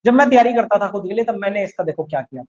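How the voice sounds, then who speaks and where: Male online tutor, high-pitched, drills words by call and response, muffled recording. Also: expressive, rapid-fire, a little mellow. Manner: drills students with repeated questions and answers; mixes English words into Hindi explanations. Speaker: English vocabulary teacher. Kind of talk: online exam-prep class.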